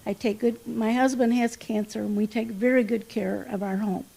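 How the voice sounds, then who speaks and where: A woman giving a halting public comment as a resident. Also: on the high side, steady tone, gravelly, dark tone, husky. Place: indoor public meeting room.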